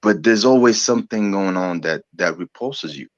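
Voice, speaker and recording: Deep-voiced hesitant man, dull dry sound. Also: moderate pace, no room sound. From France. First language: not English. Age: 30s. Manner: searching for words, hesitant with fillers. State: sick, coughing. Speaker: podcast guest. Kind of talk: casual chat.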